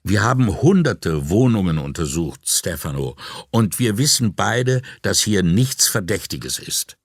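A blunt, weary crime-scene technician who speaks curtly, as a male narrator puts him on. His voice is deep and low in an audiobook crime story, recorded dry and close to the mic. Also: big pitch swings, a little slow, no echo, exaggerated voice. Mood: exasperated. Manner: blunt, curt.

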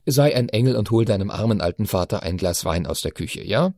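A weary, patient middle-aged father from an audiobook, as the reader puts him on, with calm, soothing replies in a dark, mellow tone. The sound is dry and close to the mic. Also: lowish voice, fairly quick, dry recording. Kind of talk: audiobook character voice.

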